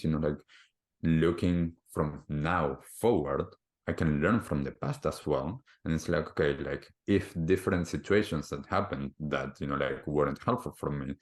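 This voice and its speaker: A man from Argentina, a wellbeing coach, talking reflectively as a podcast guest, with many "you know, like" fillers. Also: very deep voice. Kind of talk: reflective conversational talk.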